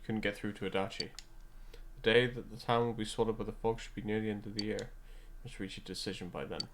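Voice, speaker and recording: A man's voice: lowish voice, fairly even intonation, fast talker, a little hiss or hum. A man reading video game story text aloud as narration, with music playing behind him.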